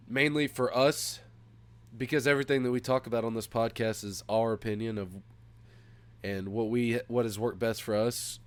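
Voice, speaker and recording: A man's voice: mid-range voice, darkish tone, smooth, no echo. A man hosting a casual podcast, sounding sick, nasal and stuffed up, speaking into a headset. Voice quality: nasal, congested. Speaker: podcast host.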